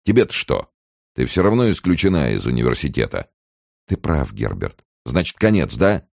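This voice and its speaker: A man's voice: rumbling low, big pitch swings, normal speed, vocal fry, darkish tone, dry recording, clean studio sound, voice pushed up, full character voice. A man reading an audiobook and voicing a selfish, cowardly young male student in a nervous, wheedling manner. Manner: anxious, wheedling, turning nasty.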